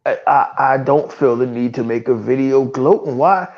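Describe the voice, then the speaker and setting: A man's voice: mid-range voice, moderate pace, muffled recording. A man co-hosting a gaming podcast, ranting in heated, profane casual talk and mocking rivals with put-on voices. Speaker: podcast co-host.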